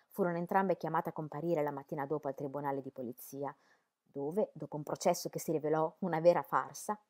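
Woman reading a memoir, dramatic and low-voiced. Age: young adult. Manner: dramatic, rising to near-shouts for quoted cries. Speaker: reader of an autobiography. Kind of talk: expressive audiobook reading.

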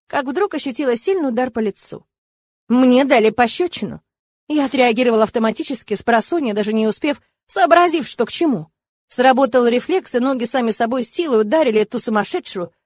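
A young woman tells a first-person fantasy tale in a lively, wry voice. Her voice is on the high side and sounds dry and close, with no room around it. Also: dry recording. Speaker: audiobook narrator.

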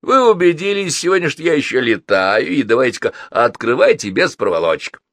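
A man reading aloud and voicing a gruff old aviator who barks commands loudly. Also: medium pitch, very animated, brisk, no room sound, clean studio sound, voice pushed up. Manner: barking, commanding.

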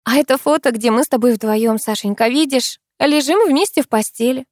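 A sugary, scheming young woman, as a woman reading aloud puts her on, talking in a high, bright, coaxing voice. She pours on sweetness with every word. The reading is close and dry, as in an audiobook. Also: fairly quick, dry recording, natural voice. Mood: sweet, coaxing.

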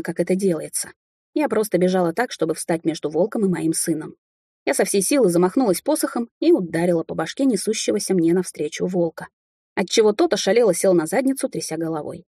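A woman narrating a fantasy novel in the first person, with lively, emotional storytelling. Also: on the low side, breathy edge, no echo, clean studio sound. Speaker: audiobook narrator.

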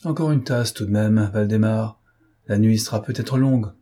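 A man reading an audiobook, voicing a self-assured, ironic gentleman thief in a low, husky voice. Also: moderate pace, close to an everyday voice. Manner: mocking, breezy.

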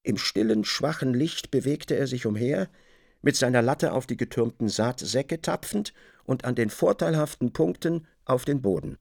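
A man narrating a literary radio play in a measured, even storytelling manner. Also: medium pitch, vocal fry.

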